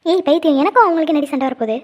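Woman doing a cartoon girl hiding a crush, high voice, talks super fast. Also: lively intonation. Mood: lively. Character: lovestruck young woman, anxious, hides her feelings. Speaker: cartoon character. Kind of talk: cartoon voice acting.

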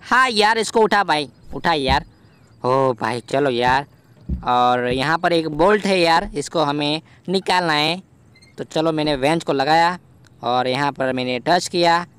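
A man voicing a hot-headed, brash young male game hero in a playful gameplay voiceover, bossy and quick to shout threats. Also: a little high, clear, resonant tone, no room sound.

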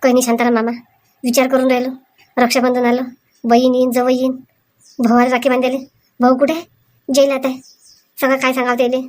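A woman plays her part in a village comedy sketch. Her voice is fairly high, and she talks in a brisk, scolding way, full of worry and instructions. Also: completely flat delivery, a little mellow. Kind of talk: comic sketch acting.

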